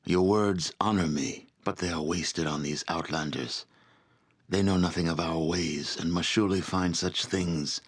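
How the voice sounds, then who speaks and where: A barbarian chieftain in scripted fantasy game voice acting, with a very low, heavy, husky and exaggerated voice. Proud, bitter, stern and wary, he delivers solemn, formal speeches slowly and deliberately, like a game's grave leader.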